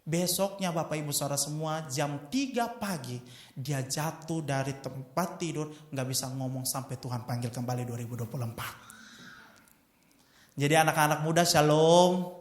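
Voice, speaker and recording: This young preacher, in his twenties, speaks at a moderate pace in a slightly high voice. He shares his own testimony with emphasis, frequently turning to the congregation, and the church hall gives the sound a strong echo.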